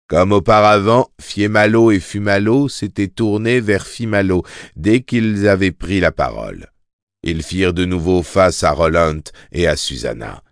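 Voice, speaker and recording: A male narrator reads an audiobook with deliberate care. He goes slowly, with a lowish voice and wide, expressive pitch movement. The sound is close and dry. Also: dry recording. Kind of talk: scripted narration.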